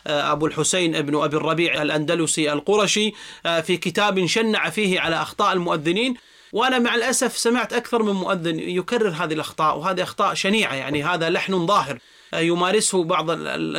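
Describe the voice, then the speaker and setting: A man delivers a religious lecture at a brisk clip, his voice sitting high for a man. He explains earnestly and methodically, filling pauses with long "aah" sounds, and his tone is bright and forceful. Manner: earnest, didactic, frequent drawn-out "aah" fillers. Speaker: Islamic religious teacher.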